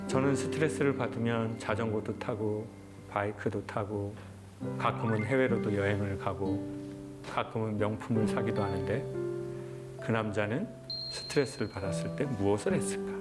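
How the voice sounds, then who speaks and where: A man lecturing in an earnest, reflective way, telling a personal story in short, measured phrases. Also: on the low side. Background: background music.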